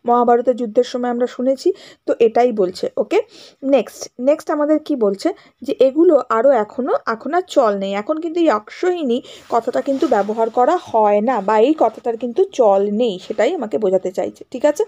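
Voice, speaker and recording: A woman's voice: fairly high pitch, a little fast, warm tone. A woman teacher with a West Bengal Bengali accent gives a grammar lesson, explaining step by step, checking often that students follow, and mixing English words into her talk. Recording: dull lo-fi sound.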